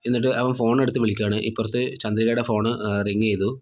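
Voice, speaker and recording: Lower-voiced man casually recapping a serial. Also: racing. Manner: relaxed storytelling, retelling each character's lines in his own plain voice. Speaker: narrator recapping a TV serial episode. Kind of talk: casual spoken plot recap.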